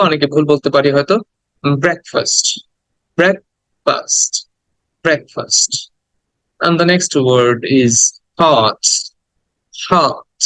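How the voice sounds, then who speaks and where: Male teacher, Bangladeshi accent, slightly high voice, patient drilling delivery, dry close mic. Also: a bit bright, smooth, no room sound, low-quality recording. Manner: drills words by repeating them, coaxing listeners to repeat. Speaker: English pronunciation teacher. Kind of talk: pronunciation lesson.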